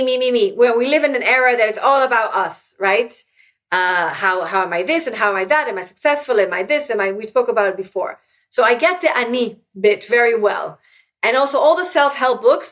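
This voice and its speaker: Speaking as an interview guest and author, this middle-aged woman, whose first language is Hebrew, talks reflectively and earnestly. Her voice is on the high side and a bit bright, and she frequently restarts her sentences amid plenty of fillers.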